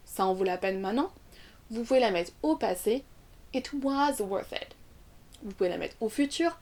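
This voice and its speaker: A French woman teaching English, explaining each expression and repeating the English examples slowly and clearly. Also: mid-range voice, darkish tone. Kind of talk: French-language English lesson.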